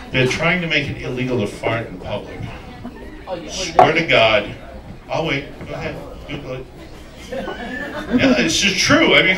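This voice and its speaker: Recorded from afar in a comedy club, a man with a voice on the high side performs a rambling, self-mocking stand-up set full of crude jokes. The roomy sound includes the crowd and bursts of audience laughter.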